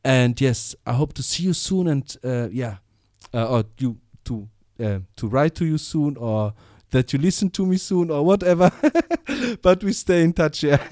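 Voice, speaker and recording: A man's voice: medium pitch, darkish tone, no room sound, clean studio sound. A man with a German accent, a native German speaker, hosting a radio show with a casual, chatty sign-off.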